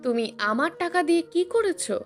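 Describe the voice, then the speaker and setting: A woman's voice: very high voice, animated, normal speed, soft background music, voice pushed up. A woman voicing a young husband and father who confronts his mother in a firm, pained way. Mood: confronting.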